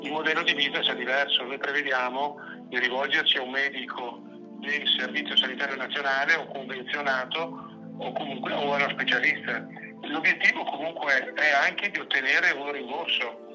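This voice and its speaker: Very bright man over a speakerphone. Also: medium pitch, steady tone, normal speed. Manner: searching for words, restarting phrases. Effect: on a phone speakerphone held up to another mic. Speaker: meeting participant explaining a product. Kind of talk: informal business explanation. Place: somewhere with poor signal. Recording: dull lo-fi phone sound with faint music.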